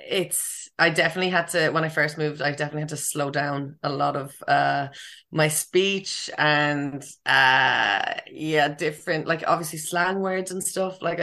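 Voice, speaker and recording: A young woman with a low voice and a west of Ireland accent. She chats casually as a guest, in an informal, slangy way, and swears freely. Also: vocal fry, sharp tone. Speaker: interview guest, comedian. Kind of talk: casual chat.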